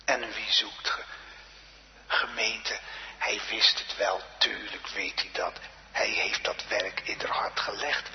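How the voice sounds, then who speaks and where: A man preaching a sermon, swinging from loud emphatic exclamations down to hushed whispers. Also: mid-range voice, a little hiss or hum. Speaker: pastor. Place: church. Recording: dull lo-fi church recording with long reverb.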